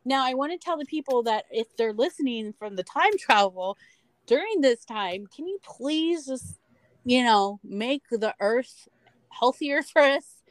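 A woman's voice: high voice, animated, measured pace, no echo. An American woman co-hosting a podcast, talking in a rambling, emphatic way and swearing freely. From United States. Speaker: podcast co-host. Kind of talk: casual chat.

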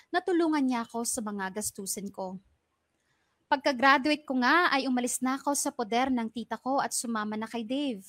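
A woman's voice: on the high side, a bit bright, no echo. A woman narrating a listener's letter in an earnest, confessional storytelling manner. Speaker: radio drama narrator reading a listener's letter.

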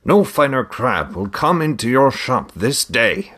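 A man's voice: medium pitch, very animated, a little slow, a bit bright, husky, voice pushed up, exaggerated voice. A man voicing an eager male fish trader pleading his case in a read-aloud story. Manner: pleading, persuasive.

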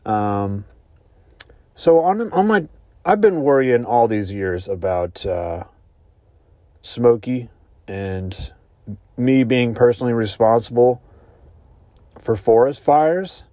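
Slow, mock-earnest male podcast host. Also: dry recording. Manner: deadpan, mock-earnest with sudden high-pitched outbursts. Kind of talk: comedic mock-anxious rant.

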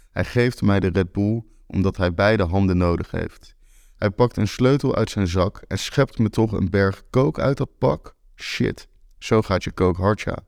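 A man with a lowish voice tells a first-person story in an anxious, racing inner monologue. The sound is close and dry, with no room around it. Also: darkish tone, dry recording.

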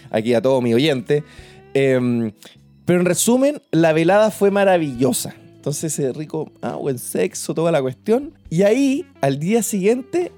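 A man's voice: a little high, a little mellow. Slangy Chilean man telling a story. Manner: crude, slang-heavy, rambling; repeats words and restarts often. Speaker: podcast host. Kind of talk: personal storytelling.

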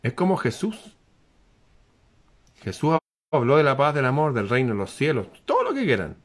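A man giving a lively spiritual talk to an audience, asking rhetorical questions and dropping suddenly to a hush. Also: mid-range voice, normal speed. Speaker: motivational speaker.

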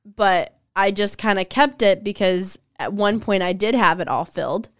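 A woman's voice: mid-range voice, normal speed, dry recording, clean studio sound. A woman, co-hosting a podcast in playful, teasing chat. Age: 20s. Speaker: podcast co-host. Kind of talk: casual chat.

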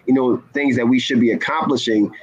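A man speaking as a guest in an inspirational talk, earnest and measured, stressing key words. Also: medium pitch, steady tone, dull audio, over a noisy crowd. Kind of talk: inspirational talk-show conversation.

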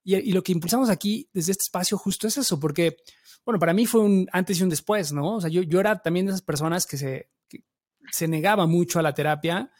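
High-voiced casual Mexican man host. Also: a little fast, darkish tone. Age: 30s. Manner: casual, slangy, many fillers. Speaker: podcast host. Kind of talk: casual interview talk.

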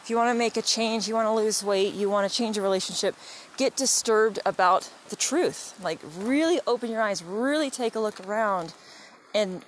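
A woman with a medium-pitched voice speaks at a normal pace over slight background noise. She's an adult vlogger with young kids, chatting with her viewers and cheering them on in a casual motivational vlog while taking an early morning walk beside a creek in the woods.

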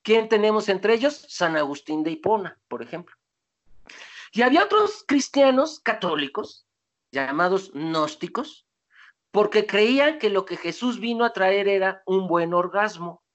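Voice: mid-range voice, sing-song, unhurried. A lecturer giving an informal talk, digressing often, asking rhetorical questions and answering them.

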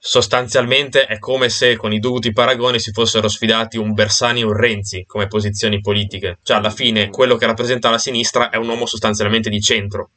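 Bright-voiced man leading a call discussion. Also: on the low side, level tone, fairly quick, few pauses. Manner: thinks aloud, many fillers and restarts. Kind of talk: casual group discussion on a call. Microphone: video call.

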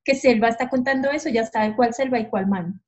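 A woman's voice: fairly high pitch, fairly quick, darkish tone. A woman telling her stories as a podcast guest, frankly and with animation, acting out the voices she quotes. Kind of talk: candid storytelling. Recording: dull lo-fi sound.

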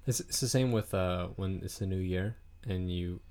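A man's voice: sits low, moderate pace, a crowd in the background. A man in his twenties, co-hosting a podcast in a rambling, casual chat full of fillers and swearing. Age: 20s. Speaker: podcast co-host.

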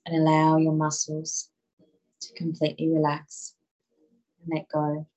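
Woman, low voice, flat and even, guided relaxation, soothing. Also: poor audio. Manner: slow, soothing and breathy.

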